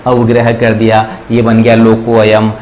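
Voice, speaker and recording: A man teaching Sanskrit grammar in a classroom-style lecture, with a Rajasthani Hindi accent, drawing out each example slowly and repeating it. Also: fairly low pitch, completely flat delivery, darkish tone, a little hiss or hum, rough recording.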